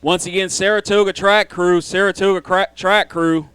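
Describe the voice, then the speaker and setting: A man's voice: high-pitched, steady tone, moderate pace, fairly bright tone, clean tone, no echo. A man doing live trackside race announcing, talking to drivers in an informal, folksy way.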